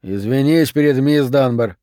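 A man's voice: mid-range voice, normal speed, dark tone, no room sound, close to an everyday voice. A stern middle-aged teacher , as a male narrator does him, curt and commanding, his words clipped and final. The voice sits near the reader's own and is recorded dry and close. The storybook delivery keeps him hard and unbending.

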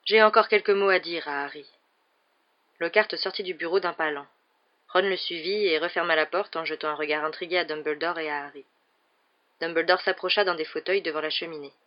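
Audiobook narrator, steady and expressive, mid pitch, muffled lo-fi sound. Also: fairly quick. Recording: dull lo-fi recording.

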